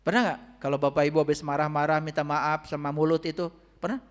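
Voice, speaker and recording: High-pitched male preacher, audience-facing sermon, voice ringing in a reverberant hall. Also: little pitch movement, quick pace. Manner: addresses audience directly with questions, swings between soft and loud. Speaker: religious teacher. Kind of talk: spiritual sermon to a congregation.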